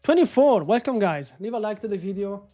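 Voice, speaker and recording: A man doing live trading commentary on a stream, excitable and swearing as he talks to the market. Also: high voice, fairly quick, muffled recording, soft background music. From Morocco. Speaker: day trader live-streaming.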